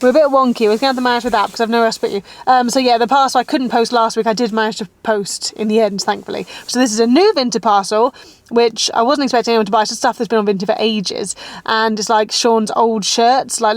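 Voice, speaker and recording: A woman's voice: on the high side, steady tone, a little fast, no echo. A woman, a mum of two, rambling through her day in a casual vlog with lots of "like". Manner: rambling, chatty, fillers of "like". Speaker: vlogger mum.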